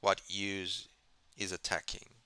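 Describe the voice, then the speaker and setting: A man's voice: sits low, monotone, takes it slowly, bright, forceful tone, clean tone, dry recording. A man streaming a card game, musing in a mock-philosophical way and asking himself questions as he plays. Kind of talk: casual live-stream commentary.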